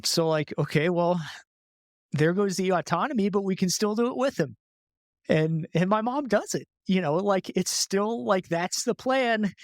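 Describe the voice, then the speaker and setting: A man's voice: high voice, expressive, moderate pace, dry recording, clean studio sound. A man guest in a casual podcast interview, talking loosely with lots of filler words and easy laughs.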